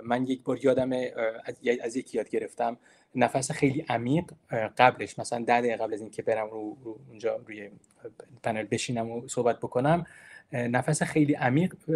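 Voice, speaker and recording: A man's voice: medium pitch, a little mellow. A man giving an informal academic lecture. He talks in a chatty, encouraging way, asks rhetorical questions, and explains and repeats key points. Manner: explains terms and repeats points to stress them. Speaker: university lecturer giving a presentation.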